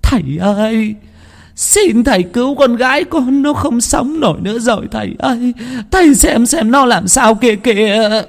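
In this spoken ghost story, a frantic older village mother pleads through sobbing, high cries, as a male narrator puts her on. Her voice sits very high and swings widely. She sounds loud and strained. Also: expressive, normal speed, creaky, full character voice. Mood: wailing.

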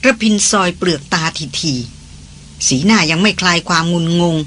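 Bright-voiced audiobook narrator. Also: mid-range voice, expressive, a little slow, slight background noise. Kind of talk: novel reading.

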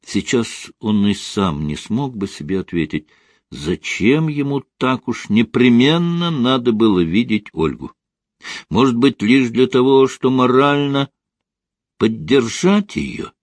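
In clean studio audio with no room sound, a man reads scripted audiobook narration. His mid-range voice keeps a steady, even storytelling pace.

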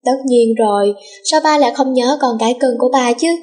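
A woman's voice: a little high, brisk, mellow, lightly acted. A woman voicing a middle-aged wealthy father in an audiobook, affectionate but hesitant. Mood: doting.

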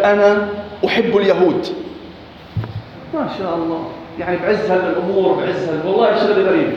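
A man's voice: fairly high pitch, slight background noise. A man preaching a sermon in a Levantine Arabic accent, impassioned and emphatic, repeating phrases and swearing oaths to drive his points home. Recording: echoey hall, dull lo-fi recording.

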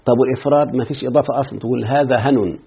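Egyptian sheikh, quick husky grammar teacher who checks in with students, tinny phone line. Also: male voice, mid-range voice, fairly even intonation. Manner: quizzing students with repeated checks. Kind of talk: explaining a grammar text to students.

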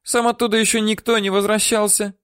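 A man voices a frightened, whimpering woman in an audiobook, pitching his voice high above his own, a bit bright and smooth, with flat delivery at a slightly fast pace. She sounds whiny, squealing and pleading, and the studio-quality recording has no room sound.

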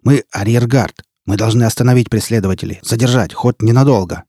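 A man playing a worn, desperate soldier officer, gruff and shouting orders in a storybook reading. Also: medium pitch, brisk, no room sound, studio quality, close to an everyday voice. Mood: gruff urgency.

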